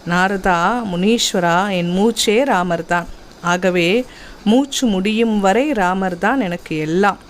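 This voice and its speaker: A woman voicing a humble, devoted male monkey-god servant in a devotional story, speaking earnestly and slowly. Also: medium pitch, slight background noise, natural voice.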